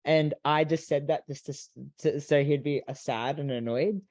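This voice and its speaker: A man's voice: a little high, steady tone, normal speed, a little mellow, no room sound. A young man, defending himself in a casual podcast chat.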